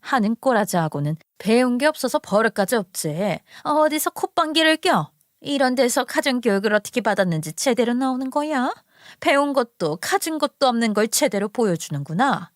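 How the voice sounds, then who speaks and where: A haughty middle-aged mother-in-law sneers and scolds in a story, as a woman reader puts her on. Her voice sits a little high and is recorded dry and close. She talks down to everyone with open contempt. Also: big pitch swings, normal speed, no room sound. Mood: scolding. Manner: scornful, insulting, bossy.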